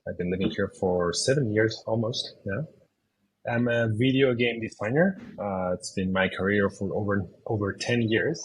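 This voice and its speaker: Husky-voiced Chilean man, hesitant. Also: lowish voice, normal speed, rough recording. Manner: hesitant, many fillers and restarts. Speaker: interview guest, video game designer. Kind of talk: casual interview answers.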